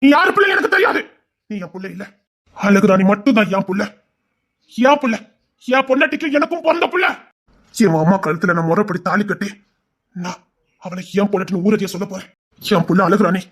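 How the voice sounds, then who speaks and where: Give me a man playing a remorseful older father with a Tirunelveli Tamil accent, scolding his daughter in a very high voice. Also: a little fast, long pauses. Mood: pleading. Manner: scolding, then pleading.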